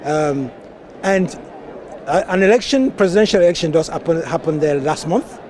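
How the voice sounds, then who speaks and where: A man's voice: on the high side, animated, moderate pace, a little mellow, slight background noise. A man from Cameroon, a party member, speaking earnestly and with passion in an outdoor street interview. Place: outdoors at a conference venue, street traffic.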